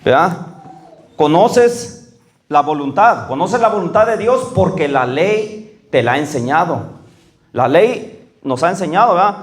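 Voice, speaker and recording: A man giving a conversational sermon, often checking in with the congregation and slowing down to read scripture aloud. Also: lively intonation, echoey room. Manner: slows down and rises in pitch when reading scripture. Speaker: preacher. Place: church hall.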